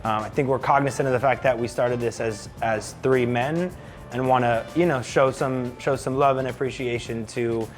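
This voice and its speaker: A man's voice: medium pitch, normal speed, soft background music. A man from New Jersey, a restaurant co-founder, talking casually and with enthusiasm in an interview. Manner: relaxed, enthusiastic, uses fillers like "you know".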